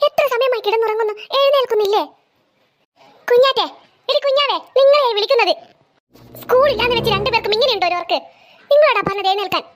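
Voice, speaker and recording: A woman voicing an exasperated mother of two girls in a cartoon, nagging and scolding. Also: very high-pitched. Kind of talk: cartoon voice acting.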